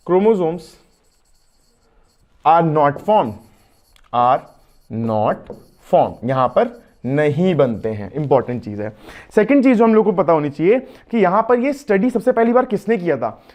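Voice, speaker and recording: High-voiced Indian male biology teacher. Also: darkish tone. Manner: chatty, switches between Hindi and English, asks students questions. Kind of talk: online exam-prep lecture.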